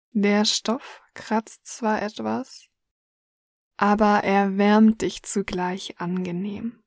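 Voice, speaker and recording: A woman reading a guided relaxation story in the second person, soft and hushed. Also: medium pitch, no echo, clean studio sound.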